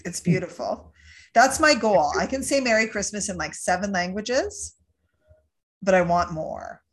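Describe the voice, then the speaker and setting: A woman's voice: mid-range voice, animated, a little slow. Chatty Canadian woman in her forties. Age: 40s. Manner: chatty, jokey, recaps the film plot. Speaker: podcast host. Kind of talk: casual chat.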